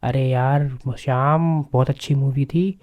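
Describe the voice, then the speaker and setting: A man voicing a cheerful young male friend who speaks slowly and drawn-out. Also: mid-range voice, fairly even intonation, lo-fi sound, close to an everyday voice.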